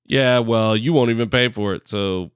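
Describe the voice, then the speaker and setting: A man's voice: on the low side, normal speed, smooth, dry recording, clean studio sound. A man co-hosting a podcast in casual chat, telling rambling stories and correcting himself as he goes. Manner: rambling, self-correcting storyteller. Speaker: podcast co-host. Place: home, separate from co-host.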